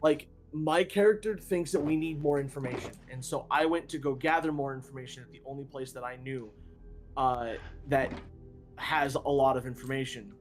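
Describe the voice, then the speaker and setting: A man's voice: mid-range voice, steady tone, moderate pace, soft background music. A man streaming a game and chatting casually, rambling with frequent restarts and self-deprecating asides. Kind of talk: casual chat while gaming.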